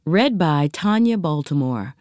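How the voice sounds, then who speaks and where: Slow, lively female storybook narrator. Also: low-pitched, no room sound, clean studio sound. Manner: gentle, expressive read-aloud with voiced characters. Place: recording studio.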